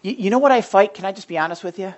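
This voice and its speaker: Loud, excitable preacher at a gathering. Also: medium pitch, very fast, highs cut off. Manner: loud and excitable, swinging between shouting and hushed tones. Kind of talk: sermon. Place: indoor gathering with a live audience.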